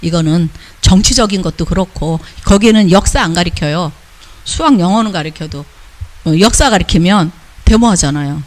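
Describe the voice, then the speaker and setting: An older man, a missionary, giving a casual, lively report and mimicking the people he talks about. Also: sits high, moderate pace. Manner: lively storytelling, mimics others' talk. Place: church lecture hall.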